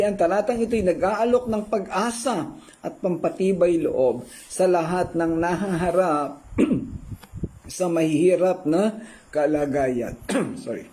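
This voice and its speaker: Polite man, Bible study leader, mellow and slightly high, throat-clearing habit. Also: low-quality recording. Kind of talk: Bible study teaching and closing prayer.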